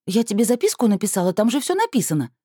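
A woman voicing an excitable, lovestruck teenage girl, shrill, whiny and indignant. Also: quick pace, slightly rough, no room sound, studio quality.

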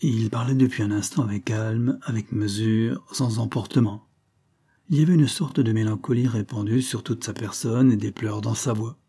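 A male audiobook narrator reads a classic novel in a calm, measured way. His voice is mellow and warm with a husky edge. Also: lowish voice.

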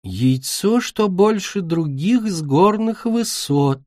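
A man's voice: fairly high pitch, sing-song, slow pace, a little mellow, husky, dry recording, studio quality, pitched above the performer's own voice, exaggerated voice. A man voicing an offhand, dreamy young female dragon in a storybook reading, light and teasing.

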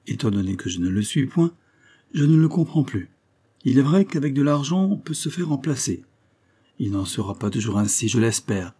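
A man voicing an earnest, steady young farm man who talks in calm, reasoned sentences. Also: medium pitch, normal speed, breathy edge.

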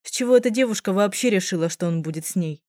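A woman narrating an audiobook in an even storytelling manner. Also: medium pitch, quick pace, no echo, clean studio sound. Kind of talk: scripted narration.

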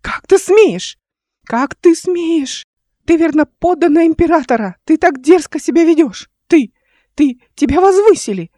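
An audiobook narrator voicing a fussy, nervous older uncle who squeaks and shrieks in hysterics. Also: male voice, animated, unhurried, mellow, no echo, studio quality. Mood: hysterical. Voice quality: squeaky, shrill. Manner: shrieking, flustered.

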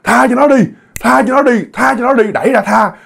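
A man's voice: extremely high pitch, a little fast, vocal fry, a bit bright, breathy edge, pitched above the performer's own voice, full character voice. A man voicing a legless male ghost who begs insistently. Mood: pleading. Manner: pleading, insistent.

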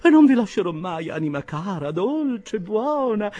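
A man's voice: high-pitched, very animated, measured pace, a little mellow, voice pushed up, full character voice. A man doing a gushing, swooning landlady. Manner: breathless, swooning and overwrought. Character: flustered gushing middle-aged landlady. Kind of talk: audiobook reading.

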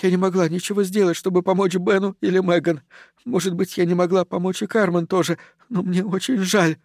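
A man reading a storybook voices a frightened young woman who speaks through tears in a hushed, shaky way. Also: low-pitched, steady tone, moderate pace, dry recording, clean studio sound, close to an everyday voice. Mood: tearful. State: crying. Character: young woman, terrified, weeping, bitter.

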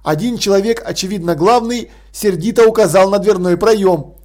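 High-voiced male audiobook narrator. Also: normal speed, darkish tone. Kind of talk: scripted narration.

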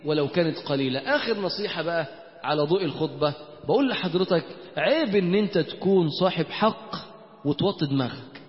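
Egyptian sheikh preaching quick and lively, muffled recording with a big hall echo. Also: male voice, on the high side. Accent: Egyptian Arabic. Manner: animated, rhetorical questions to the congregation. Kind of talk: sermon. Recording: muffled, dull recording with long hall reverb.

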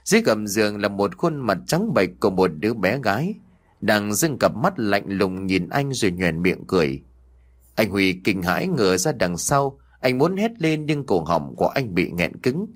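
A man narrating a ghost story in a dramatic, expressive storytelling manner. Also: on the low side, moderate pace.

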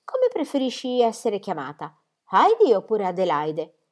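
A woman reading aloud, voicing a gentle, thoughtful twelve-year-old girl who chats softly. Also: mid-range voice, wildly swooping pitch, normal speed. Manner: soft, thoughtful, chatty.

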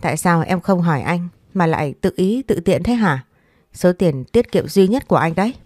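A woman's voice: on the low side, animated, moderate pace, no echo, clean studio sound. A woman voicing an angry young husband who scolds his wife. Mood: scolding. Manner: shouting, scolding.

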